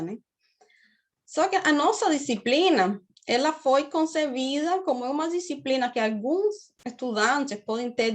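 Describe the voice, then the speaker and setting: A woman in her thirties from Cuba with a Cuban accent, giving a university lecture on a video call and explaining steadily, often checking in with her students. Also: high-pitched. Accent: Cuban Spanish. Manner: explanatory, often tags phrases with "né?". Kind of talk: online class lecture.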